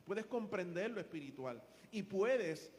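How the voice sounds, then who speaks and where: A man's voice: sits high, lively intonation, a little slow, darkish tone. A man with a Puerto Rican accent preaching a sermon as pastor, emphatic and building his points through repetition. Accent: Puerto Rican Spanish. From Puerto Rico. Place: church sanctuary. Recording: long church hall reverb.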